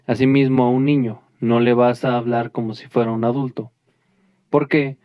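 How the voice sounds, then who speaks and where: A man's voice: medium pitch, little pitch movement, moderate pace, clean tone, no room sound. Man giving a dry lo-fi lesson. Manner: talks straight to listeners, restarts and self-corrects. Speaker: presenter. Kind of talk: lesson addressing a class. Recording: dull lo-fi dry recording.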